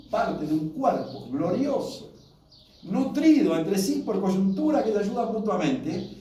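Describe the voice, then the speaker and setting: A warm, colloquial Argentine pastor in his sixties leads a marriage workshop, his pitch rising and falling freely as he talks with the couples in front of him. His voice is slightly high and mellow. He is heard from a distance in a very echoey hall with faint background noise. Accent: Argentine Spanish. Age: 60s. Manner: warm, conversational, asks the audience questions. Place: church hall with an audience.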